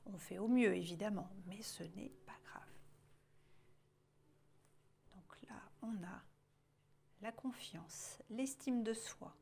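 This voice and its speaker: A woman's voice: medium pitch, creaky, mellow, a little hiss or hum. A woman leading a self-help exercise, thinking aloud as she writes and often dropping to a murmur or whisper. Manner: slow, musing, often drops to a murmur or whisper while writing. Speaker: self-help workshop guide. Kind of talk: guided exercise, thinking aloud while writing. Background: classical music playing.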